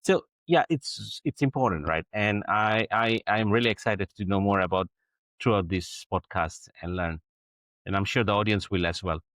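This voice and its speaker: An earnest podcast co-host, a man who circles back over his words with repetitions and restarts. His voice is fairly low, heard dry and close to the mic. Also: moderate pace, fairly bright tone, dry recording. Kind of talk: conversational interview.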